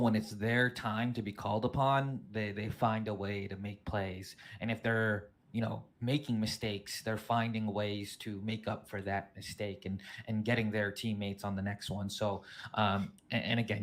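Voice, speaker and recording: A man hosting a live esports show, upbeat and asking his guest questions. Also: lowish voice. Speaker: host.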